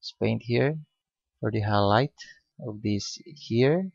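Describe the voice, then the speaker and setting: A man giving a step-by-step painting lesson, speaking unhurriedly with many pauses and fillers. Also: mid-range voice, vocal fry, a little mellow, no echo. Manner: unhurried, hesitant with frequent fillers. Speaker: painting instructor. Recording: dull lo-fi recording.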